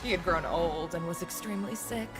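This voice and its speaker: An actress playing a solemn, cold-blooded mage in a video game, speaking in a measured way. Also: female voice, lowish voice, music in the background, close to an everyday voice. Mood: grave.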